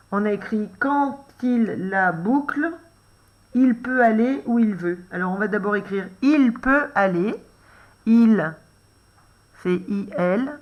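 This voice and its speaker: A French woman teaching a first-grade class, gently dictating a sentence and explaining each letter. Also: mid-range voice, lo-fi sound. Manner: gentle, explains letter by letter, reminds to pause the video. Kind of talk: slow, patient dictation lesson for young children.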